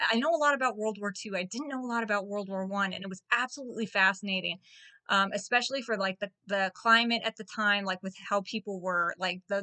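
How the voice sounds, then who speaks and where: A woman's voice: medium pitch, sharp tone. A woman in her thirties chatting casually about her books as a vlogger, gushing and full of fillers. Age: 30s. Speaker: book vlogger. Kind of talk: casual book chat.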